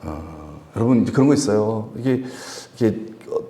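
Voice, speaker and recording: A male pastor preaching at a Friday prayer service, animated, acting out the people he quotes and chuckling often. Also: fairly low pitch, moderate pace, echoey room. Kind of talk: sermon. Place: church sanctuary.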